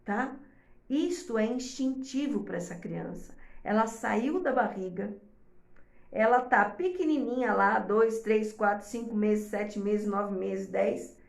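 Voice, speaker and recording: Woman host, gravelly voice, echoey room, chatty advice-giver. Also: medium pitch, slow. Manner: explains step by step, often checks in with "tá?". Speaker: host giving advice to mothers. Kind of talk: casual advice talk to viewers.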